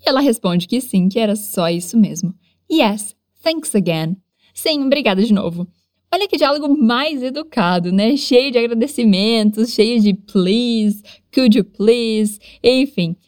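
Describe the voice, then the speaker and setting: A woman teaching English in a lesson, modeling phrases slowly with exaggerated pronunciation for learners to repeat. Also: fairly high pitch, darkish tone, no echo, clean studio sound. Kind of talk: language lesson with repeat-after-me drills.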